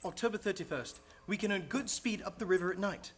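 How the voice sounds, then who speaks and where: An actor playing a resolute vampire hunter in a radio play, earnestly declaiming journal entries. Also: male voice, high voice, fast talker, slightly rough.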